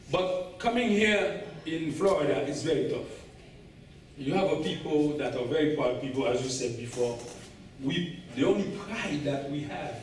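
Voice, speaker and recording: A man with a Haitian accent, telling stories to a club audience in an animated way and laughing often. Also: a little high, slight background noise. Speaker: guest speaker. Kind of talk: storytelling talk to a club audience. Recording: echoey room, distant mic.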